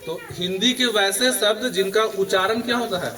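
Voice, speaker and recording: A schoolteacher speaks in a high voice at a moderate pace during morning assembly. He quizzes the students and they respond in chorus, their crowd audible in the background.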